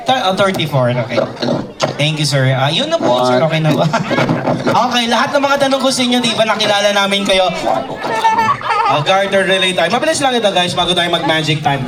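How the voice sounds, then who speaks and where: High-voiced party emcee over loud crowd. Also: male voice, expressive, brisk. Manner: playful and teasing, shouting cues to the crowd. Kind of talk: lively event hosting with party games. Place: busy party venue. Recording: distant voice under loud music and crowd.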